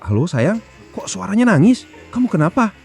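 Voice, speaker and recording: A man voicing a flustered office husband who blurts out loud, high-pitched exclamations. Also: sing-song, normal speed, creaky, faint music behind, full character voice. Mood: worried.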